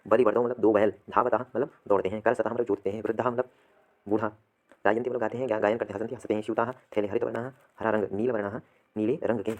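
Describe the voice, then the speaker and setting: Low-voiced man teaching Sanskrit words. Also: level tone, quick pace, lo-fi sound. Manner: repeats each word and asks and answers his own questions. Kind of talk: classroom lesson explaining vocabulary.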